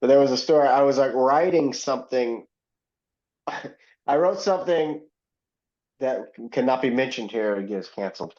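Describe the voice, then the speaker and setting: A man's voice: mid-range voice, normal speed, pauses often, darkish tone. A man guesting on a podcast over a video call, telling a loose, rambling story with laughs and restarts. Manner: rambling, laughing, self-correcting. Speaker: podcast guest, band member. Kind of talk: casual storytelling. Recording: muffled video-call audio.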